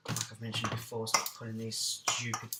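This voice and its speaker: A man's voice: fairly low pitch, monotone, brisk, echoey room, heavy background noise. A man hosting a casual cooking vlog, chatting along with jokey, self-deprecating asides.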